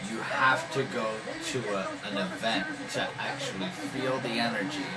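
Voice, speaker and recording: A man's voice: on the low side, moderate pace, loud music behind the voice, poor audio. A man co-hosting a casual wrestling reaction chat, laughing often and restarting his sentences. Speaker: co-host of a wrestling reaction show.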